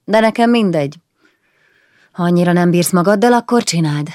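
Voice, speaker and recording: A woman's voice: on the low side, expressive, a little mellow, dry recording, clean studio sound, close to an everyday voice. Woman voicing a curt, tired husband. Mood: weary. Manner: curt, weary, withdrawn. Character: tired, irritable middle-aged husband.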